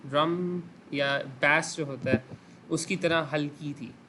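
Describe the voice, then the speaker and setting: A man with a slightly high voice teaches a clinical class over a video call. He explains step by step, checks answers with his students and slips English phrases into his sentences. A faint noise sits under the call. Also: fairly even intonation, slow. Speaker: medical teacher. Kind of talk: online clinical lesson.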